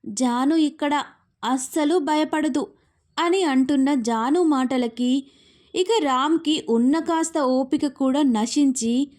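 A woman storyteller narrating a romantic audio story. Her voice is high and she reads expressively, keeping the scenes lively.

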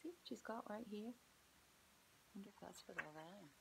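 A woman preschool teacher gently reading a picture book aloud to children and asking them questions about the pages. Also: mid-range voice, normal speed, gravelly, a little hiss or hum, low-quality recording.

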